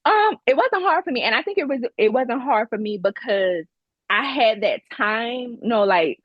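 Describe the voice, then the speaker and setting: Southern woman guest, Mississippi-Alabama twang, lively storyteller, dry slightly dull recording. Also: fairly high pitch, normal speed, no echo. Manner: lively storyteller, acts out voices in anecdotes. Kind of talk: casual interview chat.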